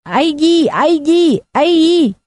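A woman voicing a drunken man in a mob who keeps shouting for blood in a shrill, frenzied voice. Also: very animated, unhurried, no room sound.

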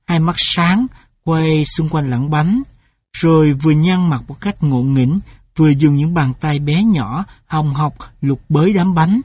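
A man reading a memoir-style story aloud in steady, measured scripted narration. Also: fairly high pitch, breathy edge, dry recording.

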